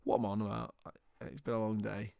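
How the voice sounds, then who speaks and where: A lowish, gravelly, slightly mellow voice with little pitch movement belongs to a young man talking fast, with no echo. He's calling a football match live on a watchalong stream while chatting with viewers. The talk is casual, chatty commentary that jumps between match calls and banter with chat.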